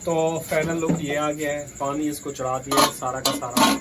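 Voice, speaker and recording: A middle-aged man with a hoarse voice, chatting as he hosts a family cooking vlog at home. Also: on the high side, steady tone, normal speed, noisy background. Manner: warm greetings, chatty and teasing. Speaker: vlog host. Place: home kitchen.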